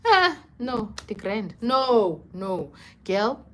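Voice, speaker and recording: Young woman livestreamer, South African accent, code-switching, expressive and conversational, with faint-to-clear noise behind her. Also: fairly high pitch, drawn-out words. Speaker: livestreamer chatting with commenters. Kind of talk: casual live chat.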